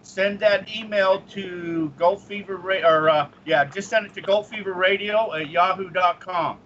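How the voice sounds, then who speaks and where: Give me a man from Utah talking casually on a live call-in show, with a fairly high voice over a muffled, lo-fi line. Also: a little slow, fairly bright tone, a little hiss or hum. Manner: chatty, jokey, laughs often. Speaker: guest radio host. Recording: slightly dull lo-fi sound.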